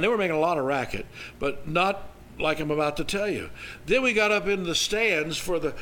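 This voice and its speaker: A man speaks as a preacher telling a story. His voice is slightly high and clearly bright and forceful. The delivery is folksy and animated, with halting restarts as he works through each thought. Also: a little hiss or hum. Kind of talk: sermon storytelling, conversational.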